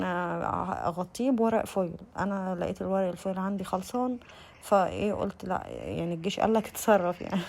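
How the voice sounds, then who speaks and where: A young Egyptian woman narrates in a quick, chatty way with an Egyptian Arabic accent. Her voice has a gravelly fry, and she speaks straight to her viewers, stopping and restarting her sentences as she goes. The pitch sits in a middle range. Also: a little mellow. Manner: chatty, addresses viewers directly, frequent restarts. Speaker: lifestyle vlogger. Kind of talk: casual voice-over narration.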